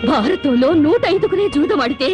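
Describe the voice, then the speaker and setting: A woman's voice: high-pitched, lively intonation, a little fast. An actress playing a wronged young wife who reproaches her husband with bitter sarcasm, in a film melodrama. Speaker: actor in a film. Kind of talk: 1990s Telugu film melodrama. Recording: film soundtrack with loud music.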